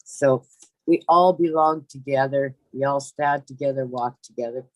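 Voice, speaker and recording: A man calling into a webinar, giving an earnest, devotional testimonial in a slow, reassuring way. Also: mid-range voice, fairly even intonation, no room sound, low-quality recording. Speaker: webinar caller. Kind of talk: casual testimonial on a webinar call.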